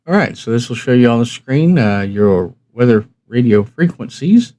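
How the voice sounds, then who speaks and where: On his hobby livestream, a man with a mellow mid-range voice talks at a moderate pace with lively intonation. His folksy, conversational explanations often take the form of questions he raises and then answers himself, in the style of casual instructional livestream chat.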